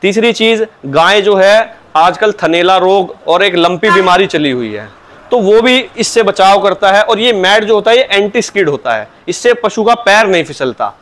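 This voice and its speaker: A man with a fairly high voice, speaking as a dealer in his shop. He explains things patiently and politely, like a salesman. His answers often open with a respectful address to the questioner. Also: lively intonation, normal speed, a bit bright, a little hiss or hum. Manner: patient, salesman-like, repeatedly opens with "sir, look". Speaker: cow mat dealer. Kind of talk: product explanation in an interview.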